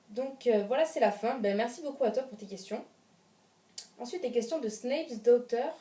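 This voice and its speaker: Woman vlogger, chatty and rambling, dark tone, mic set back in a roomy space. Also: mid-range voice. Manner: rambling, many fillers and restarts. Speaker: YouTuber. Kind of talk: casual FAQ vlog. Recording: roomy sound, from a distance.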